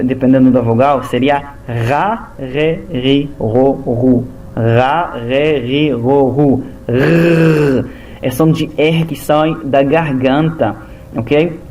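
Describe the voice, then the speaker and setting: Man teaching a lesson, slow and patient delivery with frequent pauses, faint noise in the background. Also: fairly high pitch, a little mellow. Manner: slow, halting, methodical explaining. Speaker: Hebrew teacher. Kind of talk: language lesson.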